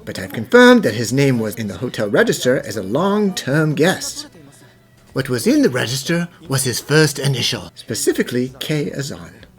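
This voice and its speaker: A man voicing a composed, thoughtful gentleman professor who explains things formally in an animated fan dub. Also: mid-range voice, normal speed, soft background music. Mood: grave. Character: gentlemanly puzzle-solving professor, thoughtful, devoted father.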